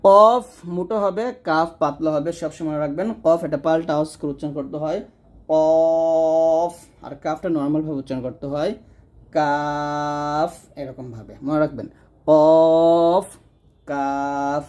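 A man teaching Quran letter pronunciation in a slow step-by-step lesson, repeating each sound for the listener to copy. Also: a little high, dull audio.

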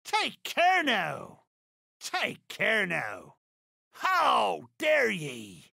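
An actor playing a boastful, vengeful pirate captain in a video game, with a raspy voice, archaic pirate dialect and theatrical, drawn-out delivery. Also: male voice, high voice, huge pitch swings, sharp tone, no room sound, studio quality, heavily acted. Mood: outraged. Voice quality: gravelly, raspy. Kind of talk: video game character voice acting.

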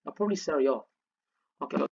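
A man talks casually through a game pack opening, circling back and restarting his sentences. His voice sits a bit high. The recording is dull and lo-fi. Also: expressive, racing, slightly rough. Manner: chatty, hesitant with restarts. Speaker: gaming channel co-host. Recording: dull lo-fi sound.

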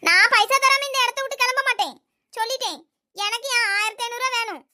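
A woman's voice: very high voice, fast, sharp tone, exaggerated voice. A woman playing a bossy village woman who scolds and haggles over a stolen hen, with a Thoothukudi Tamil accent. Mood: stubborn.

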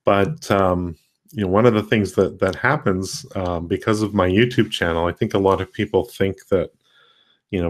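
A man hosting a casual tutorial livestream, talking in a rambling, halting way with many fillers and restarts. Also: low voice. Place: home desk with a laptop.

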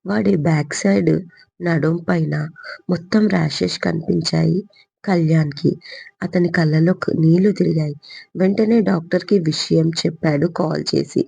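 A woman narrating her own written story in a steady storytelling manner. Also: sits low, moderate pace, vocal fry, husky, no echo. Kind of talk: scripted narration. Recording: dull lo-fi recording.

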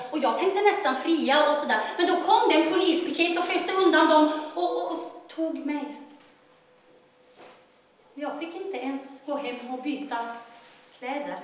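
An actress performing a theatrical monologue as a troubled woman who claims to be God's daughter. She is wry and swings between loud bursts and hushed telling. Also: sits high, a little hiss or hum. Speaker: stage actor in a monologue. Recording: very echoey stage room.

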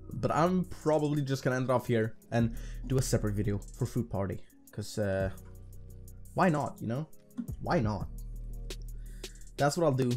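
A man with a mid-pitched voice chats casually to viewers while streaming slots. He talks in slangy, sweary bro speak, with music behind him. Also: darkish tone. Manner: profane, slangy bro talk. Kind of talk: casual gambling commentary to viewers.

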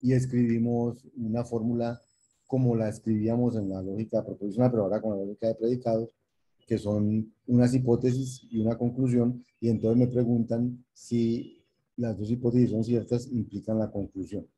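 A man's voice: medium pitch, flat delivery, moderate pace, warm tone, slightly rough. A man giving a recorded university lecture over shared slides, explaining step by step with many fillers and restarts. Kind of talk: recorded online math lecture.

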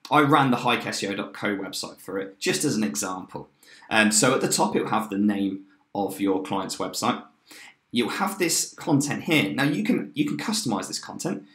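A man in his thirties giving an upbeat, chatty screen-share walkthrough of a software tool, with fillers and quick restarts. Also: fairly low pitch. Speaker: software demo presenter. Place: indoor room, webcam in corner of screen share. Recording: roomy echo.

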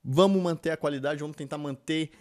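A man's voice: on the high side, a little fast, darkish tone. A man in his twenties with a Brazilian accent, talking casually to viewers into a close desk microphone. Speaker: YouTuber and streamer. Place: small furnished room.

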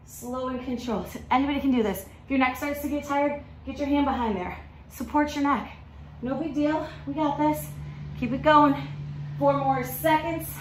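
High-voiced woman urging on a workout, echoey. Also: normal speed. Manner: urging, motivational pep talk like a halftime speech; exerting herself while talking. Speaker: fitness instructor leading a workout. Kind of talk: workout coaching with short commands and counts. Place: home garage gym, indoors. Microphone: camera a few metres away. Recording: echoey room from a distance, faint noise.

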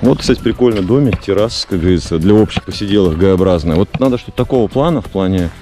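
Touring a jungle construction site on foot, a man talks quickly and expressively in a lowish voice, full of excitement and filler words. The casual walk-and-talk is recorded with loud music drowning over his speech.

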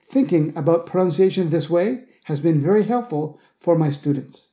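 A man narrating a scripted English pronunciation lesson as a teacher, sounding out example words slowly and carefully. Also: on the high side, animated, warm tone.

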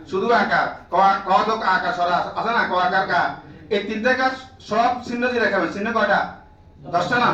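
High-voiced man lecturing in an echoey room. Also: sharp tone, far from the mic, lo-fi sound. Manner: drills the room with repeated questions, prods listeners. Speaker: teacher trainer. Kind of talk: classroom lecture to teachers.

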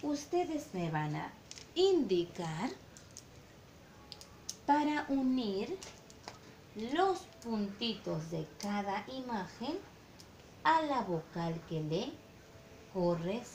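A woman teaching an online lesson to small children, asking slow sing-song questions and stretching her vowels. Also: mid-range voice, very animated, a little mellow, echoey room, slight background noise. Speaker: preschool teacher.

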